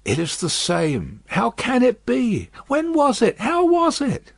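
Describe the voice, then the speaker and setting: Man voicing a haunted old prisoner, high strained voice, halting broken phrases, gravelly edge, storybook reading. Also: huge pitch swings, no room sound, clean studio sound, heavily acted. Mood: bewildered. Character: frail old male prisoner, dazed and haunted.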